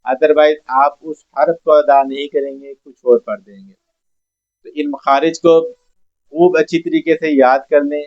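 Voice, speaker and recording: A man teaching a tajweed lesson, explaining and repeating letter sounds slowly for students to copy. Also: on the high side, darkish tone. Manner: slow, repetitive, drawn-out syllables for students to copy. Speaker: Quran recitation teacher. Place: mosque classroom. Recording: dull lo-fi recording.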